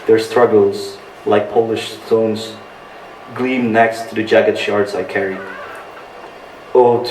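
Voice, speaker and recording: At a live open-mic night in an indoor bar, an Indonesian poet reads his work after a halting introduction, earnest and really slow. His voice is lowish and a little mellow, and he sits fairly far from the mic, so the recording sounds roomy with faint background noise.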